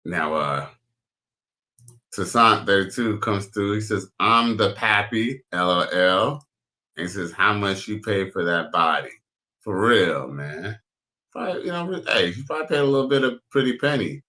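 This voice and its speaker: Loud, crude and full of slang, this man hosts reaction commentary in a relaxed style. His very deep baritone is low but bright and forceful, with lively intonation at a normal speed.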